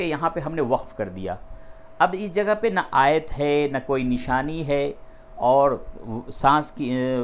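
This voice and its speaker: A male tajweed teacher in a lesson. He talks patiently at a middle pitch and explains each reading rule step by step. He repeats the key terms and breaks into slow, melodic recitation between his explanations. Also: slight background noise.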